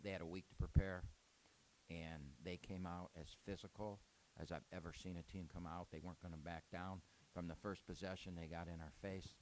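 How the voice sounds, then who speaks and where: A man's voice: sits low, darkish tone, a little hiss or hum, low-quality recording. A man speaking as a head basketball coach at a post-game press conference, rambling and candid with frequent restarts.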